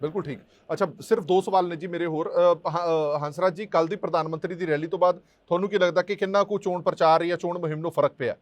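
A man's voice: high voice, steady tone, fast, hardly any pauses, muffled recording. A man with an Indian Punjabi accent asking TV interview questions politely, with hesitant filler sounds. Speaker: TV news interviewer.

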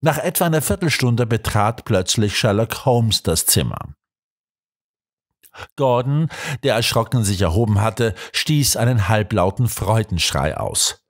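A man narrating a detective story in an expressive reading voice. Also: fairly low pitch, measured pace.

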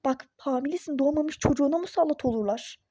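A woman's voice: high voice, fast talker, dark tone, a little hiss or hum, close to an everyday voice. A woman voicing a meddling, superstitious young woman friend in a phone-game role-play story, nagging and insistent.

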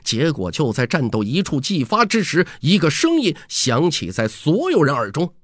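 A man's voice: a little high, wildly swooping pitch, normal speed, dry recording, studio quality. A man narrating a serialized fantasy audiobook in a dramatic storytelling manner. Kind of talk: scripted storytelling.

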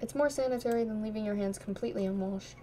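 This young gaming streamer talks fast in a warm, mid-range voice despite losing it, giggling casually through a life-sim Let's Play and chatting with the characters. A little hiss or hum sits under the recording.

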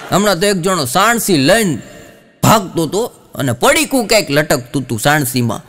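A man telling jokes in a live stand-up show on a stage mic, lively and animated. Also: a little high, moderate pace, a faint crowd. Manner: lively storytelling, acting out quoted voices. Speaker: stand-up comedian.

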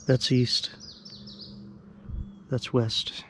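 Speaking extremely slowly in a flat, medium-pitched voice, a fishing vlogger talks through his actions while fishing from a riverbank at dawn. The camera mic adds a little hiss or hum, and faint birds and outdoor ambience fill the background.

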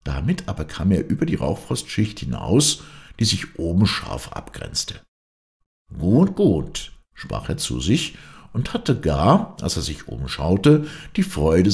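Male audiobook narrator, deep and gravelly, lively storytelling delivery. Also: moderate pace. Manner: lively storytelling, voicing each character's quoted lines. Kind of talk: scripted narration of a classic novel.

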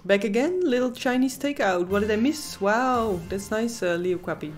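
Co-hosting a live casino stream, a young Netherlands-born woman with a Dutch accent chats with her audience and reacts to the game, reading chat aloud and squealing at wins. Her voice is on the high side and expressive, at a normal speed, over soft background music.

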